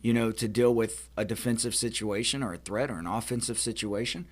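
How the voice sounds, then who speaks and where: An American podcast co-host holds forth in a casual group chat, speaking emphatically in a brisk, medium-pitched voice. He lectures his point, restarting his sentences many times.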